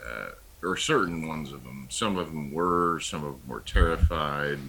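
A man co-hosting a political talk show, talking in a halting, wry way with many ums and pauses. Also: rumbling low, expressive, vocal fry, pushed and bright, husky. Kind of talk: casual political commentary.

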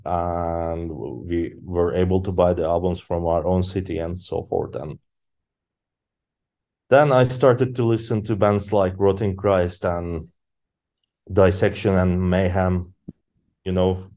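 A man, a podcast guest speaking English as an in halting casual talk with many fillers. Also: deep voice, fairly even intonation, mellow. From Turkey. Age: 30s. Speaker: guest musician. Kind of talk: casual interview chat.

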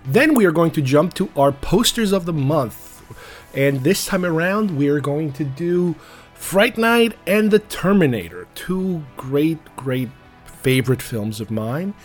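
A man's voice: on the high side, expressive, measured pace, soft background music. A man hosting a podcast, talking casually and enthusiastically in a rambling way. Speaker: podcast host. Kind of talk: casual solo podcast talk.

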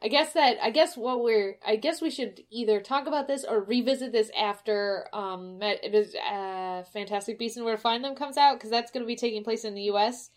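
A woman's voice: a little high, brisk, hardly any pauses. A woman with a Midwestern American accent co-hosting a podcast in casual chat, laughing often and swearing casually. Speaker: podcast co-host.

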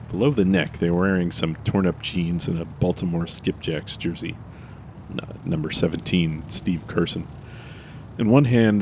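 A man narrates a scripted comic story in a flat, matter-of-fact way. His voice sits very low. Clear background noise runs under the recording.

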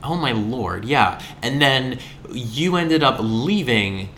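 A man's voice: medium pitch, expressive, slow pace, fairly bright tone, slight background noise. A man hosting a podcast, telling a story in rambling casual chat, swearing freely, his throat sore from sinus trouble. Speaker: podcast host.

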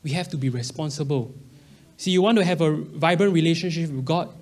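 A Singaporean man in his early thirties preaches in a conversational way. His voice sits a little higher than most men's. He slips freely into Singlish, with its particles and slang, while keeping a Singaporean accent throughout. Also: a little fast. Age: early 30s. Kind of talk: conversational sermon.

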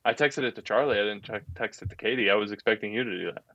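A man's voice: fairly low pitch, racing, sharp tone, highs cut off. A young man co-hosting a podcast in casual chat, teasing and blunt with his friend. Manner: teasing, blunt, laughs easily. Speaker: podcast co-host.

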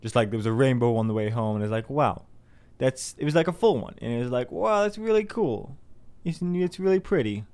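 A man's voice: mid-range voice, expressive, fairly quick, a little mellow, smooth, no echo. A man in a mid-range voice talks casually to his listeners, with many fillers. He wanders loosely from one thought to the next and chuckles at his own jokes. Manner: rambling, chatty, laughs at his own jokes. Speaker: host. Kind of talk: casual solo monologue.

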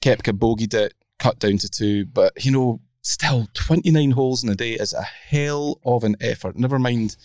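A man's voice: medium pitch, normal speed, few pauses, darkish tone, no echo. A man hosting a casual podcast from a golf tournament, with a dry, teasing manner. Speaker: podcast host.

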